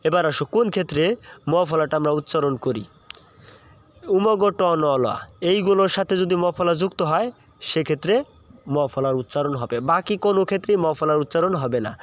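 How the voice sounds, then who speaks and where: A man's voice: a little high, expressive, brisk, no room sound. A young man teaching a pronunciation lesson, explaining step by step, repeating points and asking his students questions.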